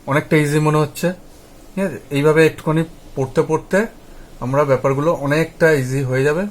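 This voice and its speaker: A man with a Bengali accent teaching English pronunciation, spelling letters slowly and repeating each sound, often checking that his listeners follow. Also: on the high side, a little hiss or hum. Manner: often asks "ঠিক আছে?" to check understanding. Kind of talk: slow spelled-out pronunciation lesson.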